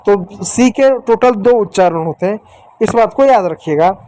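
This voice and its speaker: A man teaching young children letter sounds in a patient, repetitive way, slowly sounding out letters and speaking to the children directly and affectionately. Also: sits high, lively intonation, mellow, rough recording. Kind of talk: phonics lesson for young children.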